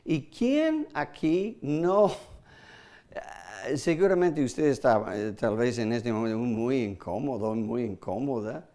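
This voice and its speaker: A man preaching a sermon at an unhurried, deliberate pace. His pitch sits in the middle, but he throws sudden high emphasis onto key words. He slips into short acted-out apologies and hesitates with fillers. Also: sing-song, dark tone. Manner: acts out short quoted apologies.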